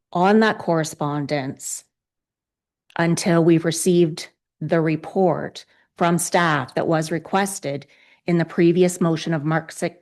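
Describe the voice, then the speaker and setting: A woman's voice: lowish voice, a little mellow. A woman serving as town clerk who is losing her voice, reading out motions in careful formal wording at a council meeting.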